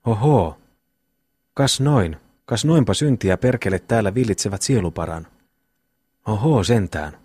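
Sleepy muddled old farmer mumbling in surprise, low husky voice, read by a man. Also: animated, pauses often, a little mellow, no room sound. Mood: dazed. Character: groggy hungover old farmer, dazed.

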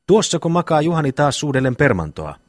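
Aapo, a man reading a calm, sensible brother. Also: fairly high pitch, no room sound, studio quality, pitched above the performer's own voice.

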